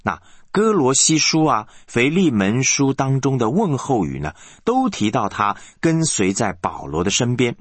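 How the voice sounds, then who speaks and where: A man's voice: medium pitch, big pitch swings, measured pace, hardly any pauses, no room sound. A male pastor preaching a sermon, asking the congregation rhetorical questions.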